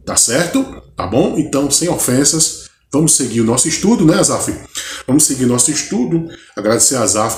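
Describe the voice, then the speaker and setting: A Brazilian pastor speaks off the cuff in a mid-range voice, leading a Bible study straight to camera. He stops and restarts often, keeps asking his listeners if they follow, and piles up pointed questions for the viewer. The room has a noticeable echo with a faint hiss underneath. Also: mid-range voice. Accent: Brazilian Portuguese. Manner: unscripted, halting, often checks in with "né?" and "tá bom?"; poses long strings of direct questions to the viewer. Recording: echoey room recording.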